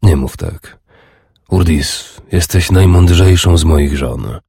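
Casting: a man doing a torn warrior prince, very slow and husky under his breath. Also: dry recording, clean studio sound, heavily acted. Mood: pleading. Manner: low, hushed, terse. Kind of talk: audiobook dialogue.

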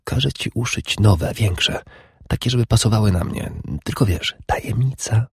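A man reading an audiobook, voicing a bold, sly young princess in a hushed, often whispered voice. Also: on the low side, normal speed, creaky, husky, no room sound, clean studio sound, voice pushed up, full character voice. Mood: playful, conspiratorial. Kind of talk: audiobook character voice.

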